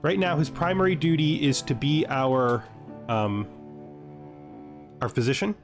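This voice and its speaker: A man with a somewhat high voice and lively intonation narrates a video game playthrough at a measured pace. He's a gaming video host, casually thinking aloud and reading the on-screen text as he plays, with music running under his voice.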